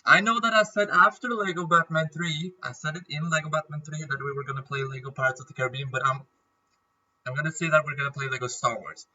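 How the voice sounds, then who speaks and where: A man rambles through casual gaming commentary, chatty and stopping often to clear his throat against a nagging cough. His voice is very bright and sharp. The sound is dull and a little distant, as if he sits back from the mic. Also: on the high side, steady tone, fast talker. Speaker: gaming YouTuber.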